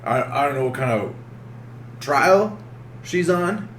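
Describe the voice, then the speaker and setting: A man's voice: a little high, lively intonation, slow pace, a bit bright, slight background noise. A man playing a tabletop role-playing game, bantering casually in and out of character. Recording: echoey room.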